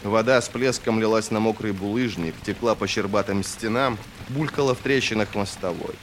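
A low-pitched male narrator reads a fantasy novel in a steady, expressive way. A faint hiss sits under the voice throughout. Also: moderate pace. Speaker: audiobook narrator.

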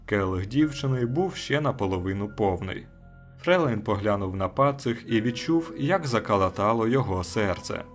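A man narrating a short story as an audiobook in a steady, measured way. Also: fairly low pitch, faint music behind.

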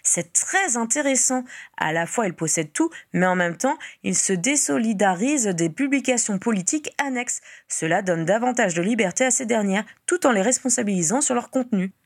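A woman reading the part of a sharp-minded young witch who reasons things out aloud with lively interest. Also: fairly high pitch, normal speed. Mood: reasoning.

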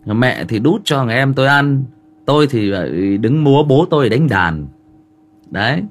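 In an unhurried way, a male livestream host with a Northern Vietnamese accent shares a family story, wandering casually and filling gaps with filler words. His medium-pitched voice has lively intonation.

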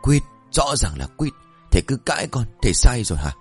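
Man doing a pushy young sidekick guy, high and whiny, won't back down. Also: big pitch swings, normal speed, a little mellow, faint music behind. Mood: arguing. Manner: shrill, insistent arguing. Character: brash young male disciple, cocky.

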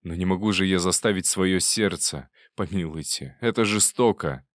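A man voicing a heartsick man in love with a pleading, low, heartfelt manner. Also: normal speed, no echo, clean studio sound, close to an everyday voice.

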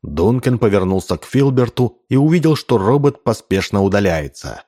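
A man narrating an audiobook in a steady storytelling manner. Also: lowish voice, normal speed.

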